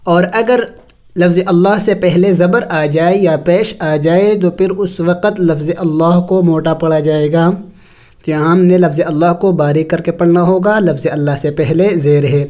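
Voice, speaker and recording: Tajweed teacher, resonant clear voice, middle pitch, slow spelled syllables, brisk explanations, close mic. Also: fairly even intonation, darkish tone. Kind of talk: step-by-step recitation lesson.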